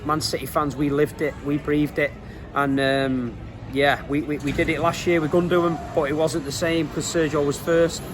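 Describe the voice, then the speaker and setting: A man's voice: on the high side, level tone, normal speed, noisy background. A man with a Manchester accent giving a casual, earnest interview as a football fan, using colloquial, emphatic phrasing.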